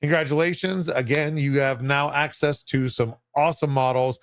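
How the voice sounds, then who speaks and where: Chatty and self-deprecating, a man announces giveaways on a livestream in an off-the-cuff, casual manner. His medium-pitched voice has fairly even intonation and a normal speed, recorded dry and close with no echo.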